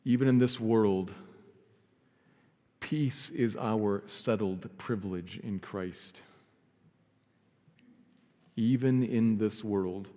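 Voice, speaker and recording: Male pastor, lower pitch, earnest sermon delivery, reverberant church hall. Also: drawn-out words, long pauses. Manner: earnest preaching, drops to soft emphasis. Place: church sanctuary.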